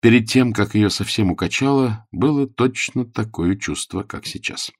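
Male audiobook narrator, wry and measured, low voice with a lively range. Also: husky, dry recording, clean studio sound. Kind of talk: scripted narration.

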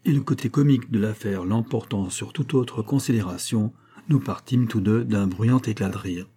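A man narrating an audiobook in a measured reading. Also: lowish voice, warm tone, husky.

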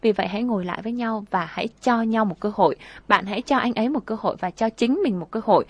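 A woman's voice: on the high side, no echo. A woman co-hosting a radio advice show, talking earnestly and conversationally about relationships, repeating phrases for emphasis.

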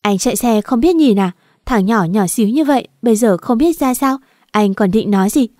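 A woman's voice: fairly high pitch, lively intonation, normal speed, a little mellow, no room sound, studio quality, lightly acted. A woman voicing a stubborn young working mother in an audio story, reading her lines plainly. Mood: angry.

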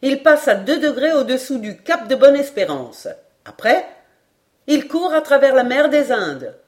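A woman takes an unhurried pace as she reads aloud, giving an excitable, absent-minded male geographer a high, eager voice full of exclamations.

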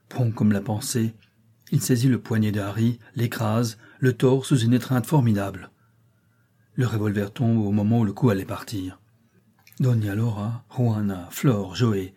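Dark, husky male audiobook narrator. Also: medium pitch. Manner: expressive, dramatic phrasing. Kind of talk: dramatic novel reading.

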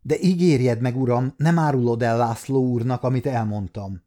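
Nervous chatty old servant guy, high strained voice, loud, man putting it on. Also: close to an everyday voice. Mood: anxious. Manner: pleading, fearful. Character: old anxious male servant, talkative.

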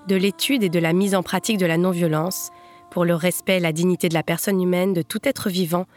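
A woman hosting a podcast, introducing an association and then reading poems aloud in a measured, expressive way. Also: lowish voice. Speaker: podcast host.

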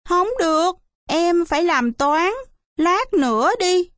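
Storybook casting: a woman as a timid, pleading little girl with a high, childlike whine, recorded dry and close. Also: animated, slow pace, a bit bright, no room sound, heavily acted. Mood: polite refusal.

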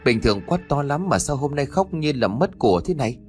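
A man's voice: medium pitch, big pitch swings, brisk, darkish tone, soft background music, voice pushed up, natural voice. A man doing a blunt village duck farmer. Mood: gruff.

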